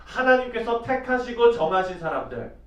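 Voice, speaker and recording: A male pastor giving an early-morning sermon, reading scripture slowly and asking his listeners questions in a conversational way. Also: very high voice, very animated, dull audio, slight background noise. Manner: reads scripture slowly and deliberately. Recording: echoey room, voice distant from mic.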